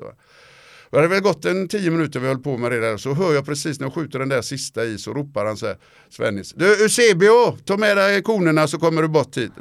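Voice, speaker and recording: A middle-aged man, an interview guest, telling a funny anecdote in a casual, lively way, often ending his sentences with little tag questions. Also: lowish voice, vocal fry, no echo, studio quality. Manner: lively storyteller, tags sentences with "va?" and "liksom".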